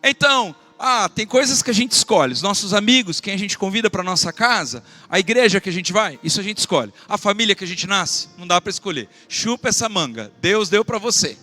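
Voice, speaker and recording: Male pastor, bright ringing voice, preaching a fervent sermon with loud calls and hushed asides, soft music underneath. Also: high voice, lively intonation, brisk, hardly any pauses. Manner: fervent, rising to loud exclamations then dropping to quiet asides; asks the congregation for call-and-response. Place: church sanctuary with congregation.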